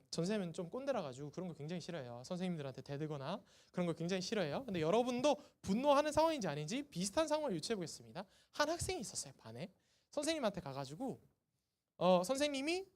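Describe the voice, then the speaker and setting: A woman's voice: medium pitch, a little mellow. A woman preaching to a youth group at a church service. She keeps asking the students questions and then answers them herself. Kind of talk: sermon to teenagers.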